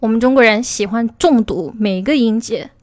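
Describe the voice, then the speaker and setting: A woman teaching English pronunciation in a livestream. She explains step by step, checks in with her listeners and slows down to model English words. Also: fairly high pitch, a little mellow, no room sound, clean studio sound. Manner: explanatory, asks "对吧" to check understanding. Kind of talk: livestream lesson.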